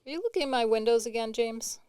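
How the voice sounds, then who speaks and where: A woman's voice: on the high side, fast talker, darkish tone, clear, resonant tone, no room sound. A woman with a New England accent co-hosting comedic banter in a matter-of-fact, dry way. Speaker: co-host.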